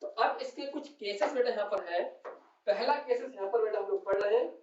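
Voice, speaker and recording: Brisk and high-pitched, a male physics teacher works through a whiteboard explanation, calling the students "beta" and answering his own questions. The classroom capture is distant, roomy and dull.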